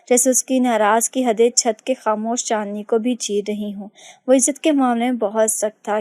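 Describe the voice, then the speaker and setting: A woman reading a romantic novel aloud as narrator, steady and expressive. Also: a little high, no room sound, studio quality.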